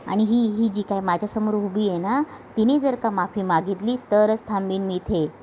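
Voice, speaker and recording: A woman voicing a haughty, scornful older aunt who scolds sharply and slowly. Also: mid-range voice, darkish tone, slight background noise, close to an everyday voice. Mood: indignant.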